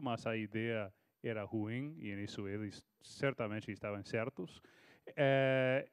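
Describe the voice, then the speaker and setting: A native English-speaking man in his thirties from Texas, with an American accent, answers a question on a university panel as a foreign correspondent, telling a story hesitantly with many restarts. His mid-range voice has a clean tone in a dry recording.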